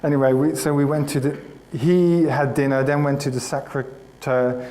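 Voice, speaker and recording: A man's voice: mid-range voice, level tone, normal speed, dark tone, poor audio. A man preaching to his congregation, telling a personal story in a chatty, self-mocking way and addressing listeners by name. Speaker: pastor. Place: church hall.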